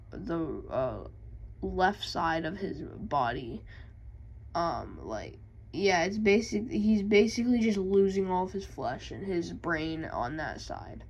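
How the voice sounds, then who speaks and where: Slow, gravelly young woman, hesitant. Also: on the low side. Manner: hesitant, many ums and restarts; reads lore slowly, then explains it in her own words. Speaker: gaming YouTuber. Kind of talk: casual vlog and lore reading.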